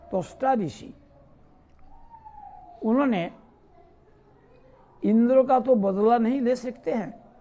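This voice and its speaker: A man's voice: high-pitched, creaky, a little mellow. A man giving a devotional discourse, telling scripture stories and asking questions he then answers himself. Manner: poses rhetorical questions and answers them himself. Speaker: spiritual teacher giving a discourse.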